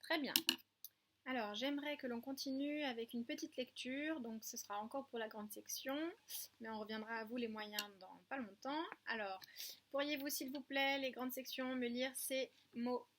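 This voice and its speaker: A woman teaching a remote preschool lesson in a French accent, sounding out syllables clearly and praising the children gently. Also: high-pitched, fairly even intonation, moderate pace. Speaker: kindergarten teacher.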